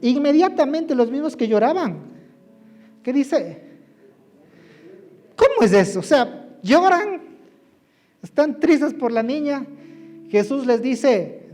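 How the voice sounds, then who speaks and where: Male pastor, high voice, emphatic sermon over faint music, loud then soft. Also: animated, slow, long pauses. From Ecuador. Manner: emphatic preaching, swinging between loud calls and soft asides.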